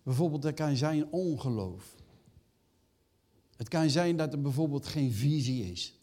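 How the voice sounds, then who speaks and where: A man's voice: on the high side, lively intonation, measured pace, dark tone. Older man, pentecostal-style sermon, rhetorical questions, emphatic quoted voices. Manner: rising emphatic acted quotes. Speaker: pastor.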